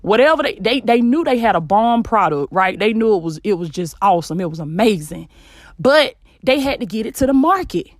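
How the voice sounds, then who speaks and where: A woman's voice: mid-range voice, lively intonation, fairly quick, dry recording, studio quality. A woman hosting a podcast, giving an informal, preachy motivational talk in a blunt, emphatic way and repeating phrases for effect. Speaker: podcast host giving motivational business advice. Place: small closet at home.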